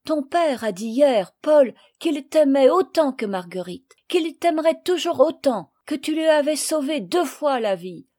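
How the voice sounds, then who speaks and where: A woman reading aloud, voicing a brave young boy who protests loudly in a storybook. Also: sits high, lively intonation, measured pace, hardly any pauses, pitched above the performer's own voice. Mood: indignant.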